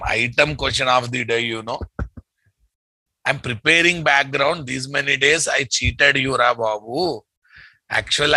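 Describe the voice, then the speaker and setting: A man's voice: medium pitch, pushed and bright, slightly rough, no echo, low-quality recording. A man with a Telugu Indian English accent lecturing as a programming instructor, emphatic and repetitive, often quizzing his listeners with tag questions. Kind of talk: classroom lecture, repeating terms for dictation.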